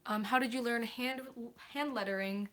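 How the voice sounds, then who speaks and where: A woman's voice: a little high, moderate pace, a bit bright. A teenage girl hosting a casual livestream, answering viewer questions in a chatty, apologetic way with many hesitations. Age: teens.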